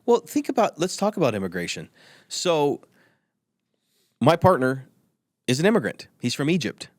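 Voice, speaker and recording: A man's voice: on the high side, wildly swooping pitch, moderate pace, no room sound, clean studio sound. A man speaking as a guest on an interview podcast, arguing his points emphatically and often repeating himself. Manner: emphatic, repetitive, argumentative. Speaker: guest, tech company executive. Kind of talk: opinionated interview talk.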